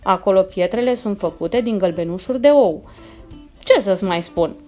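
A woman's voice: medium pitch, dark tone, soft background music, close to an everyday voice. A woman voicing a sly, scheming female neighbor cat in a children's storybook. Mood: coaxing.

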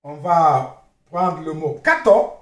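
A man teaching a language lesson, repeating words slowly and spelling them out letter by letter. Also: on the high side, expressive, reverberant. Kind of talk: slow spoken language lesson.

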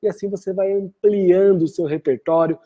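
A woman with a Brazilian Portuguese accent giving an online English lesson, explaining phrases and then saying the English examples slowly and clearly. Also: on the low side, steady tone, dark tone. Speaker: English teacher.

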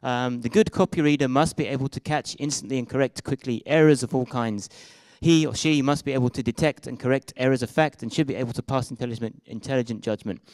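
Here a young conference speaker with a British accent, from Britain and Israel, gives a casual meetup presentation into a handheld microphone before projected slides, hesitating through many fillers and restarts. His mid-range, darkish voice holds a steady tone and goes fast with few pauses. The recording is low quality, with no room sound.

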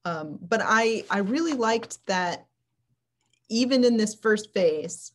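A woman's voice: mid-range voice, expressive, takes it slowly. Chatty woman leading a book club call. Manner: chatty, laughs at herself, thinks aloud. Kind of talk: casual online discussion. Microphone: video call.

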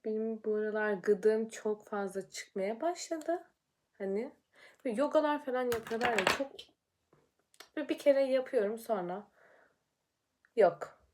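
A young adult woman vlogging casually while doing her makeup, chatty and quick to get frustrated, then calming herself down. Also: a little high, a little hiss or hum.

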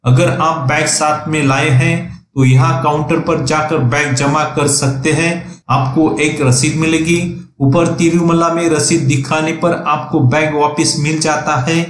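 Man, travel vlog narration, steady scripted delivery, roomy echo, faint background noise. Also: on the high side. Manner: steady, plainly read narration with practical tips. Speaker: travel vlogger.

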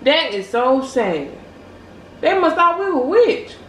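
A woman's voice: sits high, sing-song, takes it slowly, fairly bright tone, a little hiss or hum. A flustered, out-of-breath woman co-hosting a comedy vlog, fretting and repeating herself. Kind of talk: comic improvised chat. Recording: roomy echo.

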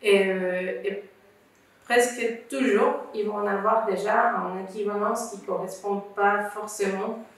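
A woman's voice: mid-range voice, steady tone, measured pace. A woman from Venezuela, a guest in an interview, earnestly explaining things step by step. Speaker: guest, founder of a refugee student association. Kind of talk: conversational interview. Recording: echoey room, distant mic.

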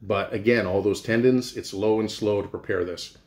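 A middle-aged Canadian chef gives a relaxed, folksy cooking demo, talking through each step as he works. His voice is fairly low and a little mellow, with fairly even intonation and a moderate pace. The small, hard-walled indoor room makes the recording echoey.

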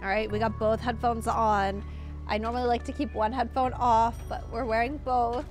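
A young woman live-streaming a game, gushing with excited exclamations as she chats to her viewers. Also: on the high side, moderate pace, soft background music. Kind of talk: live gameplay stream chat.

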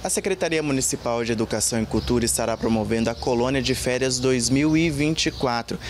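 A Brazilian man in his thirties reports from a leafy yard outdoors, asking interview questions at a fast pace in a medium-pitched voice. He speaks into a handheld reporter microphone, with faint outdoor noise in the background.

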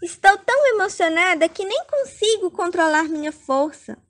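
A woman voicing a strong-willed young girl who is sweet but forceful and talks in a gushing, emotional way, for a narrated comic. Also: very high voice, animated, normal speed.

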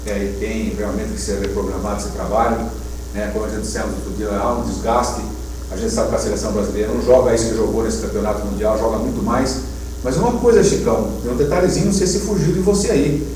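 An older man co-hosting a sports talk show, chatting casually with lively emphatic bursts. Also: lowish voice, fast talker. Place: TV studio set. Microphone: lapel mic. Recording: echoey room, mic far off, faint hum.

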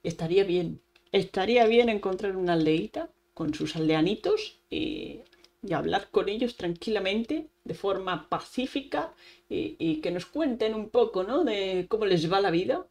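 A woman's voice: mid-range voice, animated, moderate pace, darkish tone. A woman with an accent from Spain giving casual, chatty let's-play commentary, talking straight to her viewers and using lots of playful diminutives. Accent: Spain Spanish. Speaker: gaming channel host.

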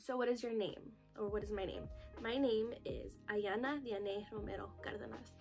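A woman's voice: a little high, steady tone, moderate pace, creaky, darkish tone, faint music behind. A woman in her twenties from the United States, talking nervously and chattily in a casual vlog recorded on her phone, with lots of "like" and "you know". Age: 20s. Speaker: vlogger. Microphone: phone camera video.

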